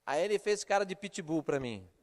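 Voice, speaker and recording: High-voiced Brazilian pastor in a reverberant hall. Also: male voice, lively intonation, moderate pace. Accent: Brazilian Portuguese. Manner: storytelling, acting out quoted dialogue. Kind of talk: sermon. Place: church hall. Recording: long reverb of a church hall.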